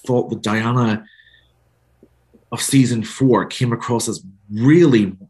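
A man from Northern Ireland, an author with a local accent, talks slowly in a mid-range, darkish voice during a conversational interview where he is the guest. He is reflective and hesitant, frequently starting his sentences over.

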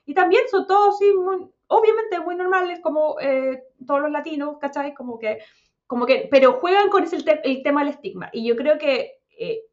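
High-voiced Chilean woman chatting fast. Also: a little mellow, highs cut off. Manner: chatty, fast, full of slang fillers. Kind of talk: casual chat.

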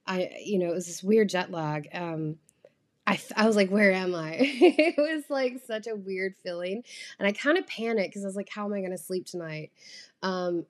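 An American woman telling a casual, rambling travel story as a vlogger, full of fillers and the odd curse word. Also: on the low side. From United States. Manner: chatty, rambling, lots of fillers and casual cursing.

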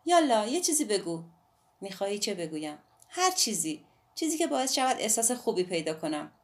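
A woman's voice: medium pitch, sing-song, lightly acted. A woman playing a teasing young woman. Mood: coaxing. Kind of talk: audiobook dialogue reading.

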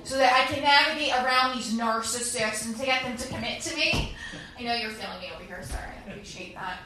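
Bright high-voiced woman doing stand-up. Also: fast talker, distant mic. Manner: animated, acts out characters in quotes. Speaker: stand-up comedian. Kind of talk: stand-up comedy set. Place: comedy club stage. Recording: very echoey room, faint crowd noise.

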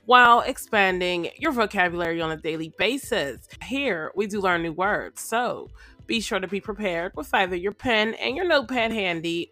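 With no echo, a woman's medium-pitched, sharp-toned voice hosts a podcast while recovering from a cold that leaves her sounding slightly off. Upbeat and chatty, she repeats phrases through a casual mix of motivational talk and vocabulary teaching.

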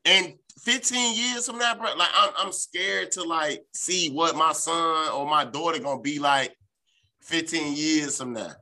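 Male podcast host, forceful bright tone, blunt and slangy, swears freely in casual rants. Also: on the high side. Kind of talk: casual, profane podcast rant.

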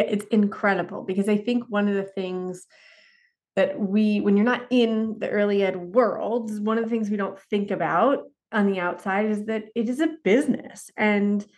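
A woman in her thirties hosting a podcast, upbeat and chatty in casual interview talk. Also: mid-range voice. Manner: upbeat, chatty, says y'all and rad. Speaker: podcast host.

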